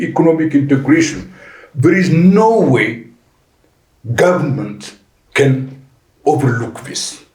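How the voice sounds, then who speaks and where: Deliberate man, roomy echo. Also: mid-range voice, a little mellow. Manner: deliberate with frequent restarts and fillers. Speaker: panel guest. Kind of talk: podcast panel discussion. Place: conference venue.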